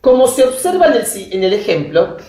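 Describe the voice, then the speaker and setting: A woman giving a university lecture, often checking that her students follow with quick questions. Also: a little high, big pitch swings, mellow. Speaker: linguistics lecturer. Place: classroom. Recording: roomy classroom audio from a distance.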